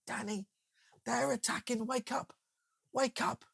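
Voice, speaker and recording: Frantic young soldier, as a man puts him on, shrill voice, pleading, near tears, very dry sound. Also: steady tone, a little slow, vocal fry, a bit bright, slightly rough, no room sound, heavily acted. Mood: panicked. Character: panicked young male soldier comrade.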